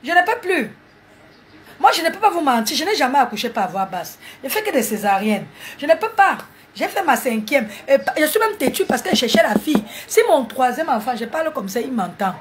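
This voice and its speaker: High, lively woman scolding. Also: brisk, slight background noise. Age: 40s. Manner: mocking, scolding, animated. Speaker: live streamer. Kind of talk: heated live-stream rant.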